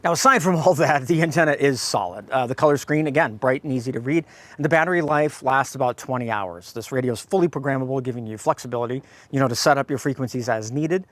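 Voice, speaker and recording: A man with a medium-pitched voice talks fast as he hosts a radio gear review channel, giving an informal, folksy product review straight to viewers. The recording is dry.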